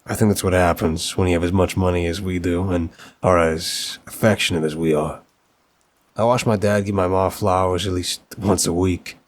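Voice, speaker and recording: In an intimate roleplay audio drama, a man voices an affectionate, apologetic young mafia boss boyfriend. His voice sits low and natural, with a steady tone and normal speed, as he speaks earnestly and politely, stammering hesitantly. The mood is tender and admiring.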